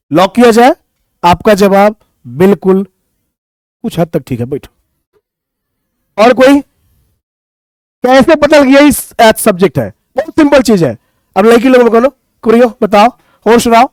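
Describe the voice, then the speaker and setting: A man's voice: sits high, animated, unhurried, long pauses, darkish tone, no echo. A man with a Bhojpuri accent teaching English grammar to a class, playfully teasing students and reciting verse. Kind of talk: classroom teaching with poetry and banter.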